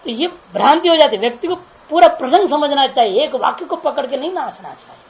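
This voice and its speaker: A woman's voice: sits high, lively intonation, a little fast, rough recording. A woman spiritual teacher giving an informal religious discourse, chatty and laughing, often checking with listeners through rhetorical questions.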